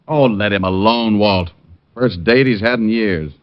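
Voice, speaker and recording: A man's voice: lowish voice, measured pace, loud music behind the voice, lightly acted. Richard Diamond, a man playing a wisecracking private eye. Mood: wry, knowing. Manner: breezy, wry. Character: cocky, wisecracking, flirtatious male private detective. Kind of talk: old-time radio detective drama acting. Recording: dull vintage radio recording.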